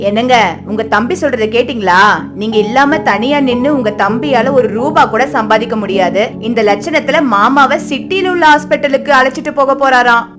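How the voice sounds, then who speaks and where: A woman's voice: on the high side, normal speed, over music, close to an everyday voice. A woman voicing a greedy, scheming young wife in a cartoon, talking in a nagging, sarcastic way. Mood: scolding. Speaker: elder daughter-in-law. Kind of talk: cartoon voice acting.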